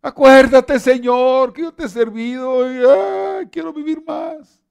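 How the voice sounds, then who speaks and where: A man's voice: slow pace, gravelly, a little mellow, clear, resonant tone, exaggerated voice. A preacher voicing a desperate dying old king who wails and pleads with God to let him live. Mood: pleading. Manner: wailing, high-pitched pleading.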